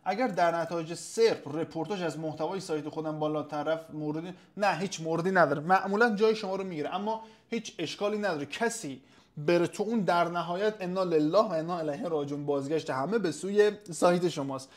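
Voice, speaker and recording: A man with a fairly high-pitched voice hosts a live webinar Q&A. He reads out audience questions and answers them off the cuff in a casual tone, with plenty of hesitations. He sounds like a consultant explaining things to his viewers. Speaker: webinar host and SEO consultant.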